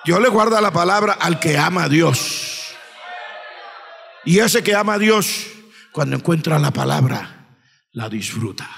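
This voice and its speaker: Colombian Spanish-accented male pastor, fervent sermon, high ringing voice, long church reverb. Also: expressive, unhurried, gravelly, pauses often. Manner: swings from quiet reading to shouted, high-pitched preaching. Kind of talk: Pentecostal sermon. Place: church sanctuary.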